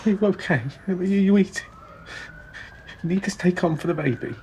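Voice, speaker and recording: An actor playing an anxious husband soothing his pregnant partner in custody, earnest and gentle. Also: high-pitched, fairly quick, slight background noise, close to an everyday voice.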